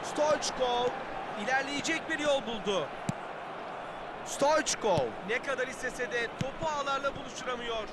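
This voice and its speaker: Loud noisy backdrop, male football commentator, very high pitch, excited raised voice, play-by-play game commentary. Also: unhurried, over a noisy crowd. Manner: excited, raised voice, calling out players and goals. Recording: loud noise behind the voice.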